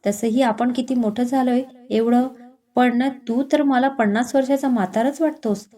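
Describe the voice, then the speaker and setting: A woman's voice: on the high side, steady tone, moderate pace, mellow, lightly acted. A woman voicing a playful, childlike young woman who teases and forgets things, in a spoken storybook. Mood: teasing. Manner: teasing, giggly, scatterbrained.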